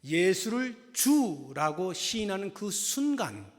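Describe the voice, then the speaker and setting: Male pastor, emphatic sermon delivery, slightly high voice, long church reverb. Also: sing-song, slow pace. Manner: emphatic preaching, rising stresses and rhetorical questions. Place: church sanctuary.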